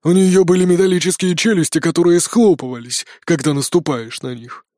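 A man's voice: a little high, fairly even intonation, a little fast, dark tone, no echo, studio quality, close to an everyday voice. A man voicing a wounded old dwarf craftsman who speaks weakly, groaning and grumbling. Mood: weak pleading.

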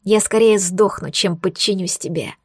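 A woman voicing a sharp-tongued young heroine in an audiobook, with defiant retorts. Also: mid-range voice, normal speed, slightly rough, no room sound, studio quality.

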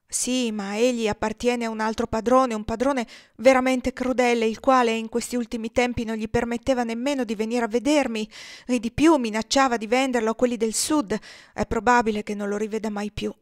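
A woman voicing a young runaway slave mother who pleads earnestly in a raised, higher voice in a storybook reading. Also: steady tone, a little fast, no echo, studio quality, lightly acted. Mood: sorrowful.

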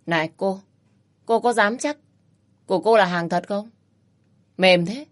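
A woman's voice: medium pitch, a little slow, lightly acted. A woman voicing a cocky, teasing young man with a brusque, mocking way of talking, in a storybook reading.

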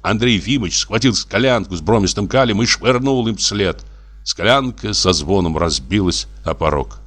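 Male audiobook narrator, low voice, measured and expressive. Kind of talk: audiobook reading of classic fiction.

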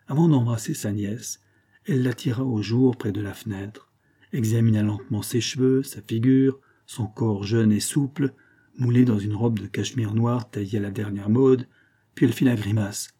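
A man narrating a literary audiobook in a measured, steady reading. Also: on the low side, slightly rough.

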